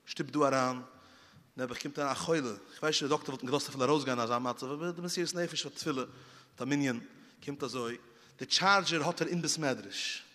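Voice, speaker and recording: A man's voice: medium pitch, a little fast, bright, forceful tone. A man giving a moral talk, telling vivid stories and punctuating them with mouth sound effects. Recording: long hall reverb.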